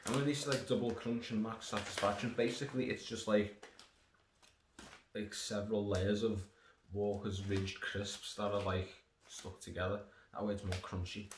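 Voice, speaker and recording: A man's voice: on the low side, fairly even intonation, normal speed. A British man giving a casual, rambling snack review in a sarcastic, sweary, digressive way. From United Kingdom. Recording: echoey room with faint noise.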